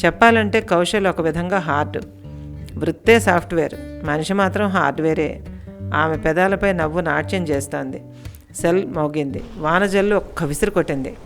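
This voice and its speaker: A woman storyteller reading a romantic audiobook story aloud, voicing the characters' lines lightly as she narrates. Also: lowish voice. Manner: reads all characters' lines with light voice changes. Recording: faint background music.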